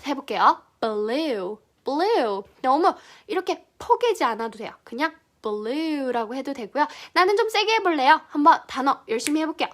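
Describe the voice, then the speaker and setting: A woman teaching English pronunciation to children, cheerful, drilling each word in slow drawn-out repeats. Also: high voice, animated.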